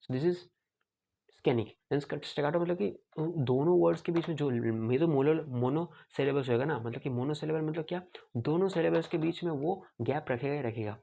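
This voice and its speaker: A young male medical tutor with a fairly high, warm voice gives a casual lecture at a slightly quick pace, with a little hiss or hum in the audio. He switches between Hindi and English, sounds out speech patterns himself, and clears his throat often.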